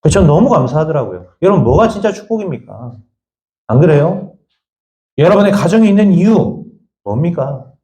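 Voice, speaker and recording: A male pastor preaching a sermon, firing rhetorical questions at the congregation and swinging between raised high lines and quiet low asides. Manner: emphatic, fires repeated rhetorical questions at the congregation. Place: church sanctuary. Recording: echoey church room.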